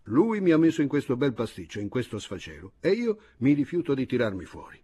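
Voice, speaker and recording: A man voicing a hot-tempered, embittered male aristocrat who rants and shouts in an audiobook reading. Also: medium pitch, very animated, brisk, husky. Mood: brooding, bitter. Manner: shouting, explosive.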